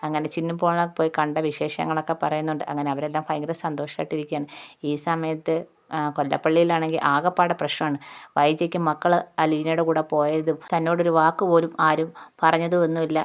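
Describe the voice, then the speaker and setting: A woman narrating a TV serial episode in a casual, rapid, run-on retelling. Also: low-pitched, little pitch movement.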